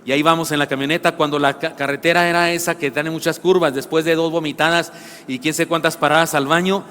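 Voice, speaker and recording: A middle-aged Mexican pastor preaching a sermon, telling funny personal stories in an animated way that builds to shouting. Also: male voice, fairly high pitch, quick pace, clean tone. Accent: Mexican Spanish. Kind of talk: sermon with storytelling. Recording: long church hall reverb.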